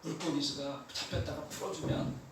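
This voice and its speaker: A man preaching a sermon as pastor, animated and repeating his key phrases. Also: fairly high pitch, normal speed, vocal fry, a little hiss or hum. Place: church sanctuary. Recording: echoey church hall, mic from far off.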